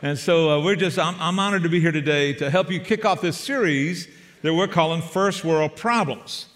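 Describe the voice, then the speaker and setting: A man's voice: a little high, normal speed, fairly bright tone, in a large hall. An older man with a South Georgia accent preaching as a guest pastor, folksy and joking and calling for amens. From Savannah, Georgia. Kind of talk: sermon. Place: church sanctuary.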